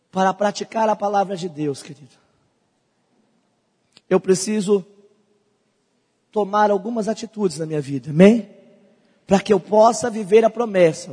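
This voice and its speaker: A young adult man, a pastor, preaching a sermon with a husky voice, swinging from quiet talk to loud calls. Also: high voice, big-room sound.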